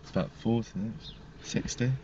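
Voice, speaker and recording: A man's voice: on the low side, fairly even intonation, brisk, dark tone, breathy edge. A man who is learning to drive, giving short, laid-back answers from inside a car. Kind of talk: casual chat. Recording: distant, dull, noisy car interior.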